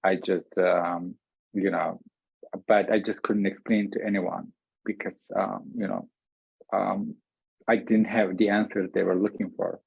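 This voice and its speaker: A man from Turkey, a guest speaking softly and haltingly, with small grammar slips. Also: deep voice, flat delivery, creaky, husky, no room sound. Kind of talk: casual interview talk. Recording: tinny phone-like line, dry.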